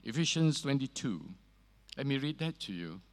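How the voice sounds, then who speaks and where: Male pastor, mid-pitched, earnest and measured delivery, long cathedral echo on the voice. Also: very animated. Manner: measured, earnest preaching with hesitant fillers. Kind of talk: sermon. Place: church sanctuary. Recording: echoey church hall reverb.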